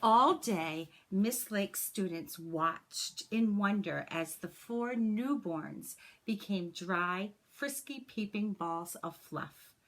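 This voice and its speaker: With a medium-pitched voice, a woman reads a children's story aloud like a classroom teacher. She phrases things expressively and deliberately, stopping now and then for personal asides to young listeners.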